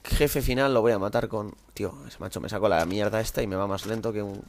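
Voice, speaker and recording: Excitable Spanish man commentating gameplay. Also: on the low side, quick pace. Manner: excitable, talks to himself while playing, sudden loud outbursts. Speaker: gameplay streamer.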